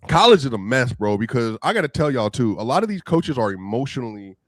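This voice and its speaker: Animated man telling sports stories. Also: medium pitch, quick pace, dry recording, clean studio sound. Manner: animated storytelling, slangy. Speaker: podcast co-host, former college player. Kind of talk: casual sports chat.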